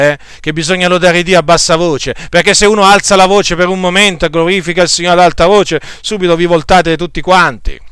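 A male preacher delivers an emphatic, rebuking sermon, hammering points home by repeating them. His voice is bright and clean, set a little above the usual male pitch. The sound is dry, with no room echo. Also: smooth.

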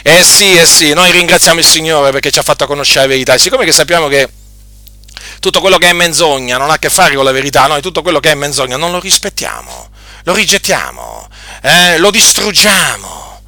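A man's voice: on the high side, very animated, brisk, bright, forceful tone, no echo. A man preaching a sermon with impassioned emphasis and frequent rhetorical questions.

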